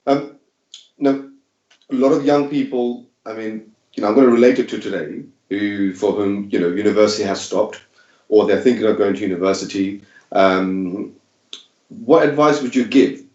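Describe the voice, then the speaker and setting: A man's voice: on the low side, steady tone, normal speed, darkish tone. Man hosting an interview in an echoey room. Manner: loose, searching phrasing with fillers. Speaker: host. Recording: echoey room, dull sound.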